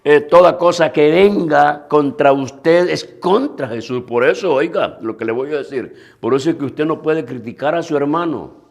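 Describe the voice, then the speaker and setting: A man's voice: a little high, normal speed, vocal fry, muffled recording. A male pastor preaching a sermon, speaking earnestly and directly to the congregation, repeating phrases and restarting lines as he goes.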